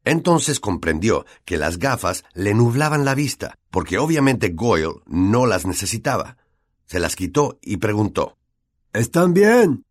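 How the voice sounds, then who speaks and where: Lively Latin American male narrator. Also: lowish voice, measured pace, dry recording, studio quality. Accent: Latin American Spanish. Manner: expressive storytelling. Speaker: audiobook narrator. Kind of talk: scripted narration.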